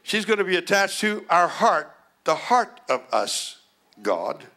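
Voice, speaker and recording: A man's voice: high voice, very animated, a little slow, sharp tone, exaggerated voice. A man voicing God as a patient, folksy creator giving plain-spoken instructions. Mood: instructing.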